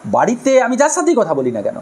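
Lively man giving a moral lecture. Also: sits high, fast, poor audio. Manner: animated, asks rhetorical questions and acts out harsh and gentle tones. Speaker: spiritual speaker on family life. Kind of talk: moral lecture to a live audience.

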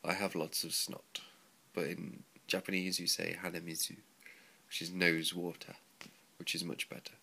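Recording a video diary on a laptop webcam close up, a young adult English teacher vlogger speaks at normal speed in a gravelly voice, stuffy and lowered from a cold. He rambles casually with plenty of ums, inside a small room with sliding paper screens.

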